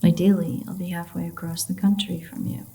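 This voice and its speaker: With plenty of vocal fry, a woman voices a playful, sardonic vampire in a lowish, dark, relaxed tone, speaking a little fast. The intimate roleplay is free-spirited and foul-mouthed as she teases, flirts, swears, and throws out sarcasm. Her mood stays wry and relaxed.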